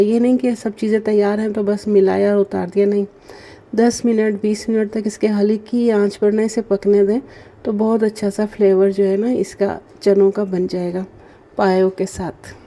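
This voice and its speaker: A woman, narrating her daily routine vlog slowly and gently because of a sore throat. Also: mid-range voice. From Pakistan. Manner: slow, gentle and chatty, with many fillers. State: sore throat, speaking softly. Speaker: vlogger. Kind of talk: casual voice-over narration.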